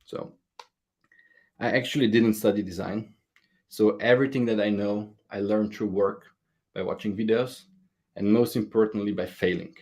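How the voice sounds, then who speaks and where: A man's voice: fairly low pitch, steady tone, moderate pace, long pauses, a little mellow. A man, giving an earnest, slightly nervous prepared talk at a conference. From Slovenia. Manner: earnest, a bit nervous, grammar slips. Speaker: conference speaker.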